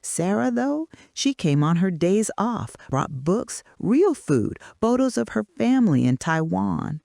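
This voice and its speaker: An older woman tells her own life story in scripted narration, dropping short clipped lines for drama. Her pitch rises and falls in a lively way. The sound is dry and close. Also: a little slow, creaky, no room sound.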